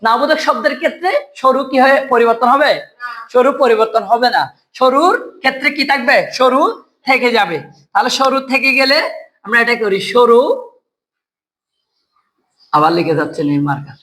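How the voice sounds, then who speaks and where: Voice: medium pitch, animated, brisk, bright, forceful tone, slight background noise, rough recording. A teacher giving an exam-prep lesson, asking the class questions and answering them right away. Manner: quizzes students, asks and answers own questions. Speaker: Bengali grammar teacher.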